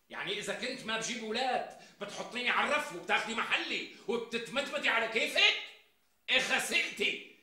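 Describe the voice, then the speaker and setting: A man's voice: very high-pitched, pushed and bright, echoey room, exaggerated voice. An actor playing a browbeaten middle-aged husband with a Damascene Syrian accent, who rants bold speeches when he is alone in a TV sitcom. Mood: blustering. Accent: Damascene Syrian Arabic. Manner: rehearses bold speeches, mocking and ranting. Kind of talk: TV sitcom acting.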